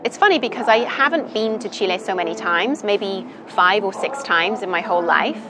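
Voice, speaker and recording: This young British woman sounds animated, speaking at normal speed in a medium pitch as a guest in a casual interview with music underneath. She chats thoughtfully, her speech full of "ums" and "you knows."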